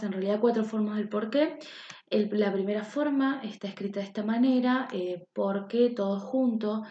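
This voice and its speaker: A woman's voice: mid-range voice, warm tone. A young woman, a university student presenting a class lesson with many hesitations and fillers. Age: young adult. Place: room at home. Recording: echoey, dull lo-fi home recording.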